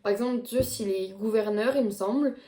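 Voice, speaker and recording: A woman's voice: on the high side, a little fast, warm tone. A young woman chatting casually about books she read, with many fillers and restarts as she shows them to the camera. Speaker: book vlogger. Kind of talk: casual chat. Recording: echoey room.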